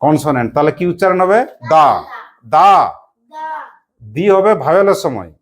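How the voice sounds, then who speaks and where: A teacher giving a classroom lesson, quizzing pupils with repeated questions and briskly praising correct answers. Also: mid-range voice, expressive.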